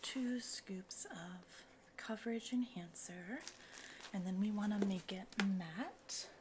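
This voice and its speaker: In an ASMR roleplay of a cosmetics consultation, a soft-spoken woman talks at a slow pace and a medium pitch, her breathy voice often dropping to a whisper. She walks through each step casually and reassuringly, with some background noise audible.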